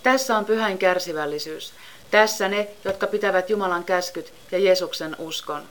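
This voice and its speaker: A woman giving a measured, solemn scripted Bible reading. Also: on the low side. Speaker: scripture reader.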